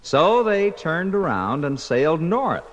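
A man narrating a children's storybook record in an animated storytelling manner. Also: fairly high pitch, takes it slowly, dull audio. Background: orchestral music.

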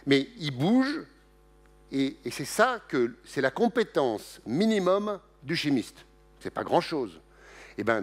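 A middle-aged man giving a public science lecture, joking and lively, with many restarts and asides. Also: medium pitch. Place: lecture hall.

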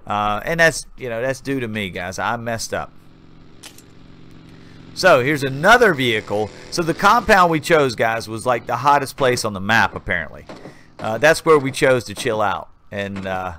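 A man with a bright, forceful voice gives a relaxed voice-over to his own game footage. He rambles through a chatty play-by-play and keeps addressing his viewers directly. His pitch sits in the middle of a man's range. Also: normal speed, a little hiss or hum. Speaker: gaming channel host. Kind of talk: casual gameplay commentary voice-over.

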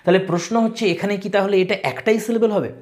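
Male teacher, patient step-by-step explainer, sounds words out slowly. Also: high voice. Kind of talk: explanatory lesson.

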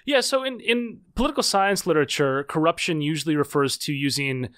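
An American author and political scientist answers interview questions earnestly and articulately, though with frequent fillers. His fairly high, slightly bright voice moves a little fast, recorded dry in studio quality.

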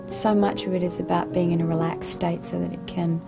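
A woman telling her own story for a documentary, candid and emotional in her telling. Her voice is lowish with a creaky rasp, and music plays clearly underneath. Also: little pitch movement, brisk. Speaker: documentary interviewee. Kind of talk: personal documentary interview.

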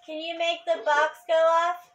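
A woman calls out short questions in a paranormal session. Her voice is very high and sharp. The room is echoey around her. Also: monotone, a little slow. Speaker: paranormal investigator. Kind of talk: spirit box session, short questions to spirits. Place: dark indoor room. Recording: echoey room with background noise.

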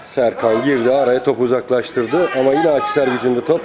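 A man's voice: mid-range voice, brisk. A man giving live football play-by-play in clipped phrases, calling out player names. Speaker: football commentator. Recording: crowd noise, outdoor amateur match. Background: outdoor crowd.

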